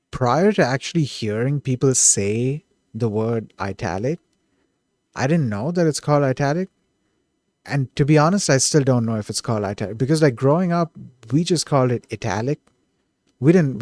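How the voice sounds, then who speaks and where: Excitable man puzzling over code aloud. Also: medium pitch, moderate pace, no room sound, clean studio sound. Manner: excitable, self-correcting, trails off and restarts. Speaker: streamer coding live. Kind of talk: thinking aloud while coding.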